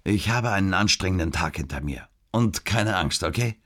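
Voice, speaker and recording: A male narrator voicing a smug middle-aged doctor in an audiobook, sure of himself and a little curt. He has a low, husky voice. He teases with easy confidence. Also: expressive, normal speed, a bit bright. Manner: self-assured, teasing, a little curt. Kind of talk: audiobook character voice.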